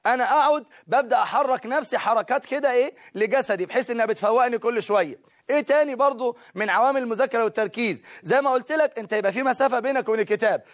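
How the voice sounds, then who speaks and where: A middle-aged man with an Egyptian Arabic accent, a teacher giving study advice to students in a lively way, talking straight to them and often laughing. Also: extremely high pitch, rapid-fire. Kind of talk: study-skills talk to students.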